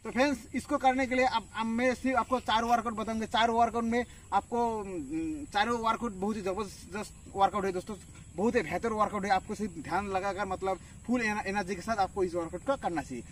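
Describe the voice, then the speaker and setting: Filmed by a distant camera in an open farm field, a young male fitness instructor in his twenties counts his reps out loud during a home workout, dropping in many fillers. He speaks fairly quickly in a high, slightly bright voice with fairly even intonation. Faint noise runs under the outdoor audio.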